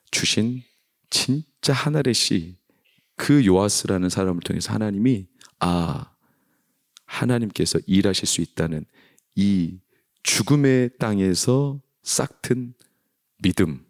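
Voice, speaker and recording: Animated Korean male pastor preaching. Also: sits low, dry recording, clean studio sound. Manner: lively, conversational, teasing the congregation. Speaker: senior pastor. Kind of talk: sermon to a youth service.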